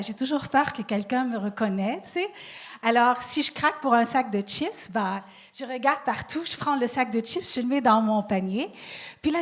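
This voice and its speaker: Une femme à l'accent non québécois qui raconte des histoires d'elle-même en stand-up, sur un ton moqueur et rieur. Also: female voice, fairly high pitch, slight background noise. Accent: non-Québec French accent. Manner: storytelling, self-mocking, laughing. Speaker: stand-up comedian. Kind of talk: stand-up routine.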